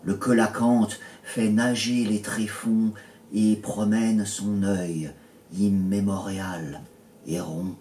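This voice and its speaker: A poet reads his own poems very slowly in a fairly low, mellow, level voice, setting off short phrases with pauses. The distant mic picks up a roomy echo and faint noise around him in this literary reading.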